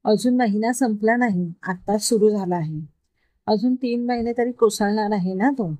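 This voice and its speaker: A woman's voice: medium pitch, moderate pace, dry recording, lightly acted. Woman voicing a bossy, scolding young woman. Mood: angry. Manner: scolding, sharp, raised voice. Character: young woman office worker, bossy, quick-tempered, caring.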